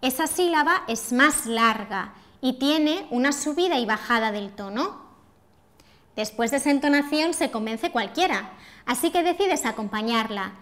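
Woman, high voice, pronunciation teacher, scripted lesson, clear and deliberate, demonstrates intonation. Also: expressive, a bit bright.

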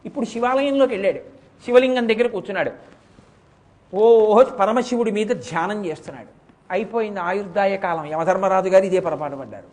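A middle-aged man giving a devotional storytelling discourse, slowly chanting verses between stretches of plain narration. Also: high-pitched, a little mellow. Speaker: religious discourse speaker.

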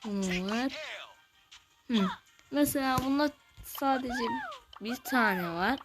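A young woman giving casual commentary over a mobile game, chatty and quick to get loud and frustrated. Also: on the high side, expressive. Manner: chatty, gets loud and frustrated when dying. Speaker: gameplay video host. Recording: music playing behind the voice.

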